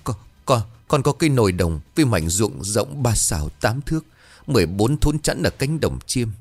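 A man's voice: mid-range voice, sing-song, moderate pace, dry recording, faint music behind, pitched above the performer's own voice. Man doing a frail, timid village woman. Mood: humble. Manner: timid, humble and trembling. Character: frail poor village woman begging a loan.

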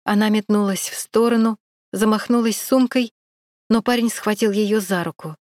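A woman's voice: medium pitch, steady tone, normal speed, a little mellow, no room sound. Woman narrating an audiobook, dry sound. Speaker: audiobook reader. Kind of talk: scripted narration.

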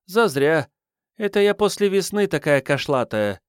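A man's voice: a little high, sing-song, a little slow, smooth, dry recording, clean studio sound, pitched above the performer's own voice. A man voicing a cheeky, scruffy homeless teenage girl who talks brashly in street slang, in an audiobook. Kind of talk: audiobook reading.

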